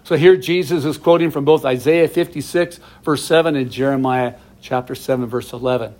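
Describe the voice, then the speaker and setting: A man's voice: medium pitch, a little fast, darkish tone. A middle-aged man teaching a verse-by-verse Bible study, explaining each passage plainly with asides to his viewers.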